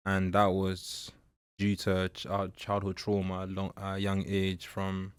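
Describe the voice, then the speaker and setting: A young man born in Nigeria, a mentor and public speaker, telling his story in an interview in a halting, reflective way with many fillers. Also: low-pitched, monotone, smooth, no echo. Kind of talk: candid personal interview.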